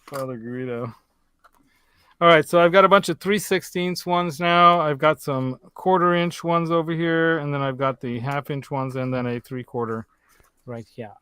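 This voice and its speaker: A man's voice: a little high, normal speed, a bit bright, clear, resonant tone, no room sound. A man hosting a casual show from his home workshop, chatting and joking while he works, laughing often and thinking aloud. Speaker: host. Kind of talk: casual chat while working on a guitar. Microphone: desk mic close by.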